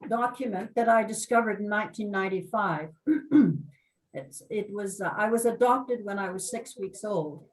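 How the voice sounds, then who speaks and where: An older woman on a video call tells a personal story in a reflective, halting way, with restarts. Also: medium pitch, distant mic, poor audio. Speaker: workshop participant.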